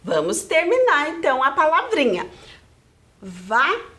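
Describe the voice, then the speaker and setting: Slow, lively-voiced woman teaching young children. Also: high voice. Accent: Brazilian Portuguese. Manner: slow, patient, sing-song teacher voice for small children. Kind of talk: video lesson for first graders.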